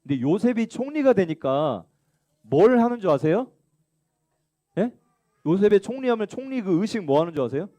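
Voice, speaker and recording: A man's voice: moderate pace, pauses often. A man preaching a children's sermon in a church, leading the group in reading aloud together. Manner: lively, acts out the elder son's complaints in a high whiny voice; leads call-and-response reading. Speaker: children's pastor. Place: church sanctuary.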